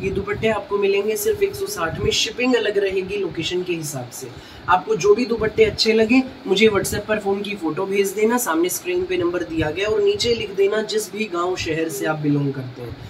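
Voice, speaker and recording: A man gives an eager, repetitive teleshopping-style sales pitch, showing products to viewers of his channel. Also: brisk. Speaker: shop seller presenting products on own video channel. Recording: noisy, distant microphone.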